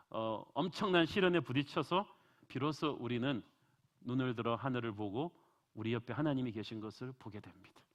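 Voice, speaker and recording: A male pastor preaching a revival sermon in a church, earnest and emphatic, rising in force to stress points. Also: mid-range voice.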